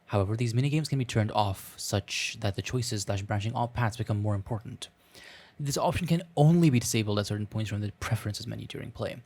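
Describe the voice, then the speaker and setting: A let's play host with a lowish, slightly mellow voice reads a visual novel aloud fairly quickly, adding wry, self-deprecating casual commentary. His throat is a bit scratchy and he clears it often, while background music plays behind him.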